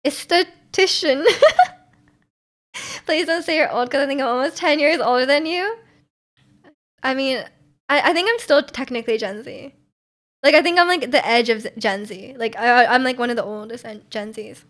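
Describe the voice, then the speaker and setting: A woman's voice: high voice, normal speed, pauses often, fairly bright tone. A woman in her twenties streaming, chatting casually and reading viewer messages, giggly and talkative. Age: 20s. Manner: giggly, chatty, often laughing.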